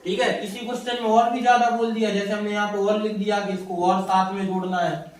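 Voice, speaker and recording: A man's voice: high voice, flat delivery, quick pace. A man teaching a class, who keeps asking his students questions and answering them himself. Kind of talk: classroom lesson. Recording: echoey room, from far off.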